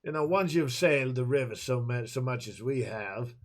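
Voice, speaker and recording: A gruff older harbor master, voiced by a man in a tabletop game, grumbling in a brusque, casual way. His tone is everyday and unforced. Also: mid-range voice, animated, normal speed, natural voice.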